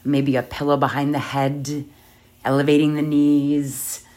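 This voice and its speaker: A meditation guide leading yoga nidra in a soft, soothing, measured voice with long pauses. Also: medium pitch, little pitch movement.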